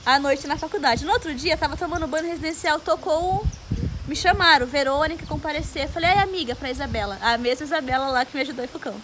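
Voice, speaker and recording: Brief: young Brazilian woman, high bright voice, church testimony, animated storyteller who acts out quotes and prayers. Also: quick pace, a little hiss or hum. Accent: Brazilian Portuguese. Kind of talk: emotional personal testimony to a congregation.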